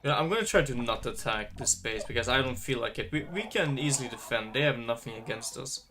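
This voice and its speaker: A man's voice: mid-range voice, lively intonation, fairly quick, bright, forceful tone, slight background noise. A man giving casual let's play commentary, chatty and muttering to himself as he plays. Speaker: streamer. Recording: game music behind.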